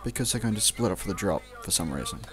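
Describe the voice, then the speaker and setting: A young Australian man with a fairly low, animated voice talks quickly as he plays a video game. His let's play commentary is casual and off-the-cuff, an offhand, rambling mutter with the occasional swear word.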